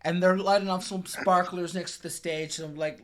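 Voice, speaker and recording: A man speaking informally as game master, narrating a tabletop game in a halting, excitable way. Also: high-pitched.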